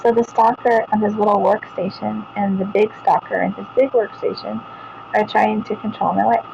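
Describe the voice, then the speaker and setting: A woman's voice: mid-range voice, steady tone, moderate pace, gravelly, warm tone, muffled recording, slight background noise. A woman, vlogging casually to viewers, rambling, repeating herself and restarting sentences.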